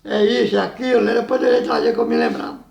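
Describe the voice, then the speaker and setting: Loud, high, gravelly preacher man. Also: fairly even intonation, fast, reverberant. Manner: loud and emphatic, says he always talks loud; laughs between phrases, says "meu irmão" often. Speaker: evangelical preacher. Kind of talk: informal sermon.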